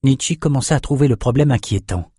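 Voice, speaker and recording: A man narrating a fantasy audiobook in a measured storytelling manner. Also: mid-range voice, dark tone, slightly rough, no echo, studio quality.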